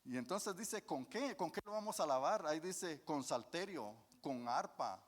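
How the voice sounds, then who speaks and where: A man's voice: a little high, expressive, normal speed. A man preaching a folksy sermon, often calling his listeners brothers and asking them questions that he then answers himself. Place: church hall. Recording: long church reverb.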